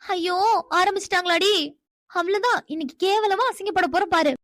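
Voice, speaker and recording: A woman's voice: extremely high pitch, fairly even intonation, a little fast, a bit bright, dry recording, studio quality. A woman doing a shy, whiny cartoon girl. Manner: whining, pleading. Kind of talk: cartoon voice acting.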